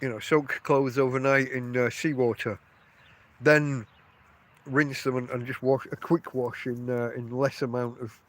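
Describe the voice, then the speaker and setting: Congested from a cold, this middle-aged man hosts a solo podcast from beside his tent in a field camp. He speaks at medium pitch with a flat, measured delivery, yet his talk is chatty and meandering, full of self-interruptions.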